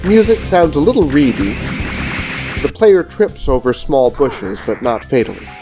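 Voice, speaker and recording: A middle-aged man, giving scripted, measured and precise review narration as host of a retro gaming show. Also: medium pitch, sing-song, music in the background.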